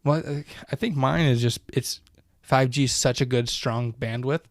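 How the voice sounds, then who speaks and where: A man talks loosely and profanely, drifting from one thought to the next as a podcast co-host. His voice sits at an ordinary middle pitch. The sound is close and dry, with no room echo. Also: moderate pace. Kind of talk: casual chat. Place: home.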